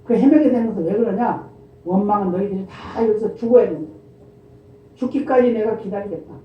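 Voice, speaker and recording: Male pastor preaching in an echoey sanctuary. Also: sits high. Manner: asks the congregation rhetorical questions and answers them; reads scripture aloud in a slow, formal cadence. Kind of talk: sermon. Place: church sanctuary. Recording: echoey church hall from far off, dull lo-fi sound.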